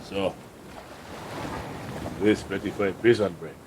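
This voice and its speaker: Low-pitched man chatting at a game. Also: steady tone, slow pace. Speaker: tabletop game player. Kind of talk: casual in-game chat. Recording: clear sea and wind noise behind.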